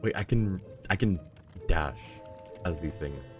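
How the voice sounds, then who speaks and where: Over music, a deep-voiced man speaks at a measured pace while streaming a game late at night. Tired and relaxed, he mumbles casual gameplay chat and reads out the game text.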